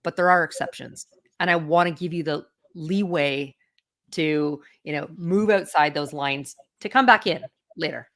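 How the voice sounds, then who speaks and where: Low-pitched and a bit bright, this middle-aged woman executive talks at normal speed as an interview guest. The conversation is casual, and she comes across as candid and self-assured, with plenty of fillers.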